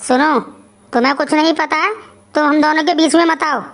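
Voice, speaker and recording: A bossy cartoon wife who fires off demanding questions at her husband. Her voice is high-pitched and sharp. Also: fairly even intonation, brisk. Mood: scolding. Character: bossy scolding wife, young adult woman.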